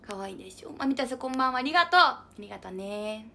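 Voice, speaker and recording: A woman's voice: on the high side, expressive, quick pace, sharp tone. Bubbly young woman chatting on a livestream. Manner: bubbly, refers to herself with an unusual cutesy pronoun. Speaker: livestream idol host. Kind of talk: casual livestream chat reading comments.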